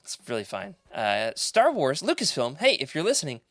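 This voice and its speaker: A man's voice: mid-range voice, wildly swooping pitch, moderate pace, a bit bright, no echo, clean studio sound. A man hosting a podcast in casual chat, joking and laughing often. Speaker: podcast host.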